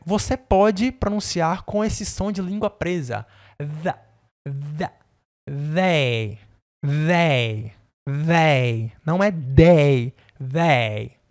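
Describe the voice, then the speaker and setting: A man's voice: high-pitched, darkish tone. A man from Brazil with a Brazilian Portuguese accent, teaching an English lesson online in a casual, chatty way, often checking in with his viewers and spelling words out. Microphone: desk microphone.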